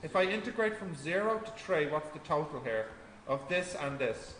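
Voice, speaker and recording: A man's voice: on the high side, lively intonation, moderate pace, a bit bright. A man tutoring a maths class, explaining step by step and quizzing students as he goes. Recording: echoey classroom with faint noise.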